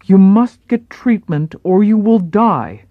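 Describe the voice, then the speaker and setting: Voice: medium pitch, lively intonation, slow pace, dry recording, phone-quality sound, pitched above the performer's own voice. A narrator voicing a male psychiatrist delivering a stern, urgent warning. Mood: grave. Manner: grave, urgent.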